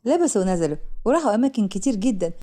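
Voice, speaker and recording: A woman with an Egyptian accent narrating an animated story in a brisk, lively way. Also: mid-range voice.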